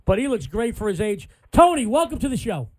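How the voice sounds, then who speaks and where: A man's voice: high voice, very animated, fairly quick, darkish tone. A man hosting an AM sports talk radio show in a punchy announcer style with repeated catchphrases.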